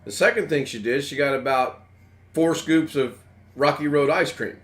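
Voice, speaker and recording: A man's voice: fairly high pitch, normal speed, fairly bright tone. A man from the United States hosting a live stream in rambling, casual chat, chuckling as he goes.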